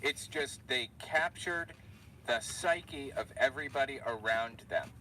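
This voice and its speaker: Man talking things through casually, bright tone, set back from the mic. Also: mid-range voice, a little slow, distant mic, slight background noise, rough recording. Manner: explaining, conversational. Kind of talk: casual commentary.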